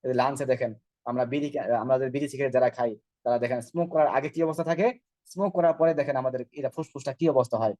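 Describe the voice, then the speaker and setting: A man from Bangladesh, speaking, presents slides in an online training call. He talks at a brisk clip in a low, mellow voice, and the sound is dry and close. He keeps posing rhetorical questions and checking that his listeners are following. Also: fairly even intonation, dry recording. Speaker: product trainer.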